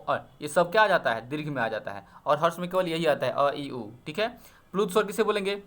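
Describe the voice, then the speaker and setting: A man's voice: high-pitched, a bit bright. A man teaching an exam-prep grammar lesson, explaining step by step and checking often that students follow. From Bihar.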